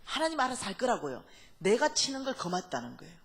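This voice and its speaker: A pastor preaches a revival sermon in a very high, slightly bright voice with a breathy edge, talking fast with huge pitch swings. He questions the congregation directly, acts out quoted voices, and drops to a whisper to drive points home.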